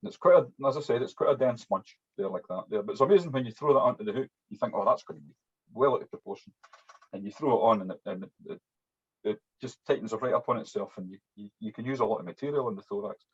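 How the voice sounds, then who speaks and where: Speaking fast in a husky, fairly low voice, this man teaches fly tying through an informal hands-on demo. His Scottish accent is strong and broad, and he keeps things chatty, tacking "yeah" onto many lines. The recording sounds muffled and dull, with lo-fi quality.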